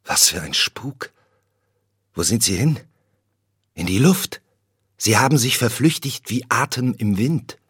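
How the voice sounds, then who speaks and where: A man voicing Benko, a loyal warrior companion who speaks in a measured, wondering way. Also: medium pitch, very animated, fairly bright tone, husky, no room sound, studio quality, exaggerated voice. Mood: astonished.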